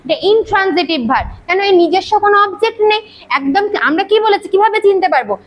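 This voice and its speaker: A woman with a strikingly high voice teaches grammar in a classroom, speaking. She drills her pupils with rapid rhetorical questions and scolds them when they chat. Her tone is brisk and teacherly throughout. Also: lively intonation, rough recording. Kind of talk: classroom lecture. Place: classroom with students.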